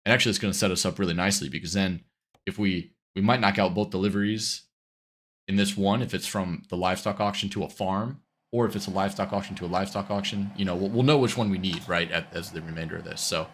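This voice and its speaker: Streaming a driving game with a cold-stuffed voice, a man rambles through easygoing, casual commentary, often correcting himself. He speaks quickly in a deep, fairly bright voice, and the recording has a little hiss or hum.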